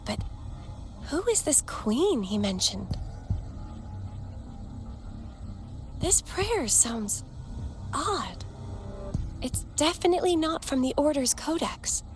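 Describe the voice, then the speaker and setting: A woman's voice: high-pitched, big pitch swings, a little slow. A woman voicing an earnest, devout young female church member in a video game. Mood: puzzled. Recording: game audio with music behind.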